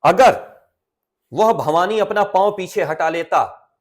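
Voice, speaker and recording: Man teaching a poem with lively questions. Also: high-pitched, slow pace. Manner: expressive, rhetorical questions, repeats and glosses words. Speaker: Hindi teacher. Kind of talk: explaining a poem line by line to students.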